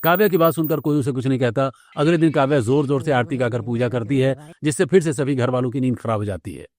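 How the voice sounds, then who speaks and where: A man narrating a cartoon story in a steady, plain scripted style. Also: mid-range voice, quick pace, no room sound, faint music behind.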